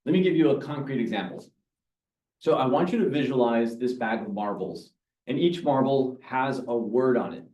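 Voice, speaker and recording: Energetic man presenting in an echoey room. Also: mid-range voice, moderate pace, lo-fi sound, slight background noise. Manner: energetic, explains with examples and asks the audience. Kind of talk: live talk to a meeting audience. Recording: echoey room, mic from far off.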